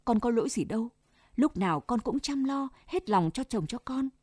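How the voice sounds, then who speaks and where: A woman's voice: on the high side, expressive, normal speed, darkish tone, no room sound, studio quality. A woman voicing a grieving young mother who speaks in a choked, tearful way.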